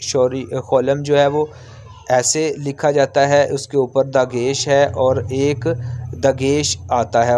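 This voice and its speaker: The teacher's voice is mid-range with a darkish tone as he explains a language lesson in careful steps. Repetition is constant, and he sounds out vowels in long, drawn-out samples.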